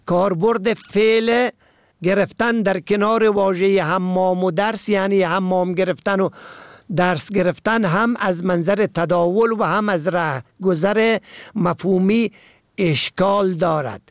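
A man reads out a scripted language lesson, pairing words and meanings one after another. His voice sits high and carries a gravelly edge. The sound is dry and close, with no room around it. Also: no room sound. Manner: measured, methodical listing of word pairs. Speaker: language teacher.

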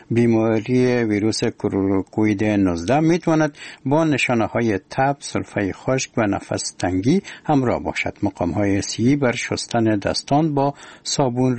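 A male radio newsreader with an Afghan accent delivers formal scripted news in a solemn, measured way. His voice sits fairly low. The close studio sound is very dry. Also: darkish tone, slightly rough, no room sound. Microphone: close studio microphone.

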